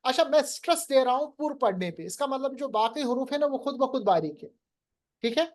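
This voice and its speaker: A man teaching Quran recitation in a lesson, quizzing his student and slowly drawing out recited words. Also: extremely high pitch, lively intonation. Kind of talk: online lesson.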